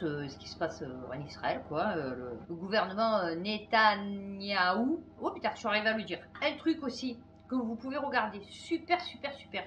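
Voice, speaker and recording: A middle-aged woman hosting her channel, chatting to viewers in a fast, excitable way with many fillers. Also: mid-range voice, slight background noise. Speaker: channel host. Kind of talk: casual chat to viewers.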